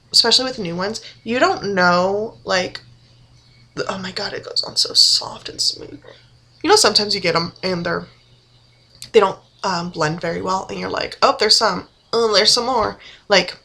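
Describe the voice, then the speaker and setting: A young woman talks through her makeup at home in a loose, goofy way, piling up fillers and poking fun at herself. Her voice is bright and forward, and it often dips into a gravelly fry. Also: mid-range voice. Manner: chatty, goofy and self-mocking, many fillers. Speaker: beauty vlogger. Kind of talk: casual makeup tutorial chat. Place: home room.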